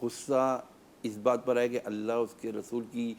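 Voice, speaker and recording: A man's voice: medium pitch, flat delivery, a little hiss or hum. A man speaking as an Islamic scholar guest in a talk-show discussion, preacherly and rising to emphatic exhortation.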